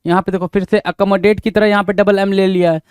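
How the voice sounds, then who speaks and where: A man's voice: high-pitched, level tone, fast, clean tone, no echo. A man teaching an exam-prep spelling lesson, spelling each word out letter by letter and repeating it several times.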